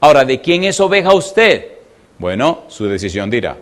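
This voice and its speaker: Emphatic preacher firing questions at a congregation. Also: male voice, medium pitch, very animated. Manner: peppers the congregation with rhetorical questions; emphatic, slowing down to stress key words. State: emotional. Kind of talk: sermon.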